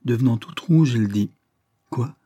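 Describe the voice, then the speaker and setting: Dark, husky male audiobook narrator. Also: on the low side, fairly even intonation, moderate pace, no echo. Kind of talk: scripted narration.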